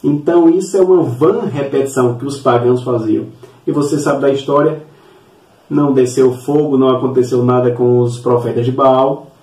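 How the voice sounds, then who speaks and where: A man leads a church Bible class in a mellow, relaxed voice, earnest and repeating his points, often stopping on short fillers before going on. He is recorded from a distance in an echoey room. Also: medium pitch, normal speed. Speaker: Sunday school teacher. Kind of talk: Bible lesson teaching.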